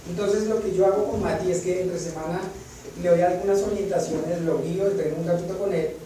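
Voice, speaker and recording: A man preaching a sermon, telling stories and dropping to soft near-whispers at times, then rising loud and emphatic. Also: sits high, fairly even intonation, a little fast. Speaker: pastor. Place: church sanctuary. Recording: echoey hall from far off, noisy.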